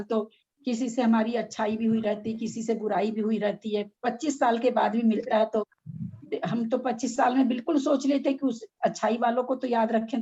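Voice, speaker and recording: A middle-aged woman with a high, slightly husky voice argues her point in a casual spiritual discussion. She is frank and fond of rhetorical questions. The sound is dull and lo-fi. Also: dark tone. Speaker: religious discussion leader.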